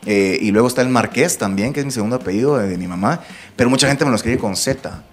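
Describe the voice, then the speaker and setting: A man from Bilbao, raised in Guatemala, whose first language is Basque, telling stories in a lively casual interview and acting out the voices he quotes. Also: mid-range voice, fast. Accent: Guatemalan Spanish. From Bilbao, Spain; raised in Guatemala from age five. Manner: chatty, animated storyteller, acts out quoted voices. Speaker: TV presenter, guest.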